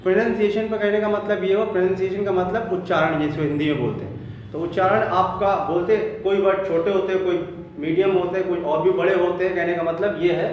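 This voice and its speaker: A man teaching a lesson, explaining slowly, repeating terms and spelling words out letter by letter. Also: high-pitched, steady tone, a little mellow, slight background noise. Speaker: English teacher. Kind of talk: Hindi lesson on English spelling. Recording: very echoey room from far off.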